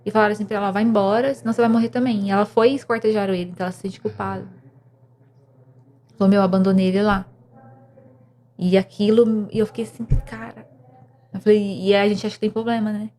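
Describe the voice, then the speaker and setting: A woman's voice: medium pitch, level tone, fast, pauses often, a little mellow. A young woman, earnestly telling a personal story of faith and depression as a podcast guest, with many restarts. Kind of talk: emotional personal testimony.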